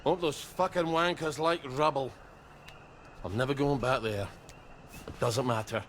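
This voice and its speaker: An actor playing a gruff, sweary, weary ex-soldier in a video game, blunt and dryly sarcastic. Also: male voice, medium pitch, steady tone, measured pace, slight background noise, natural voice. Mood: bitter.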